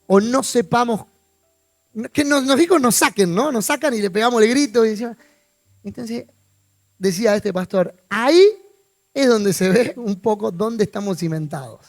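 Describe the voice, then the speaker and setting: Rioplatense male pastor, very high voice, chatty sermon with jokes, dry sound. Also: normal speed, no room sound. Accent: Rioplatense Spanish. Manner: informal, asks the congregation questions, joking asides. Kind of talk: conversational sermon. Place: church.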